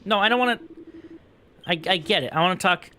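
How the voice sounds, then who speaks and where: A man voicing an indignant jailed male high priest who protests his innocence, in a game read-through. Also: expressive, brisk, pushed and bright, slight background noise. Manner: protesting, self-important.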